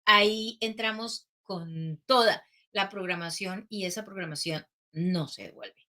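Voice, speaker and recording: A woman guest explaining her program in an emphatic way, acting out what people shout. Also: mid-range voice, a little slow. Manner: emphatic, acts out shouts and quotes. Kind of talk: casual interview talk.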